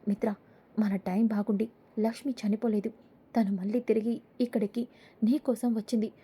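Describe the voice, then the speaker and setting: A woman's voice: medium pitch, flat delivery, moderate pace, warm tone, slightly rough, natural voice. A woman reading the lines of a stern, protective mother-in-law while recapping a serial episode.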